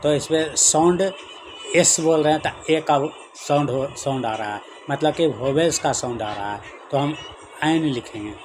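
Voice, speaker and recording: A man gives an English grammar lesson, repeating every example slowly and patiently. His voice sits a little higher than most men's, and his pace is unhurried. Steady background noise runs under the recording. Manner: slow, repetitive explaining with drawn-out examples. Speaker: English teacher. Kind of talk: Hindi-language grammar lesson.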